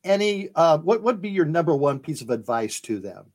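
A man's voice: a little high, sing-song, moderate pace, a little mellow. A man hosting a comedy talk show, asking questions in a playful way and laughing along.

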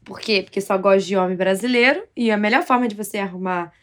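A woman's voice: mid-range voice, fast, fairly bright tone. A Brazilian woman co-hosting a casual podcast, telling stories in a bold, self-mocking way. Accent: Brazilian Portuguese. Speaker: podcast co-host.

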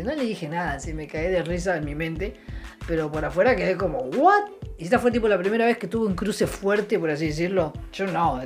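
A man's voice: a little high, a little mellow. A young man with an Argentine Rioplatense accent telling a rambling stand-up story with a sarcastic, offhand tone, full of restarts and fillers, chuckling at his own jokes. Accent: Argentine Rioplatense Spanish. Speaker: comedian.

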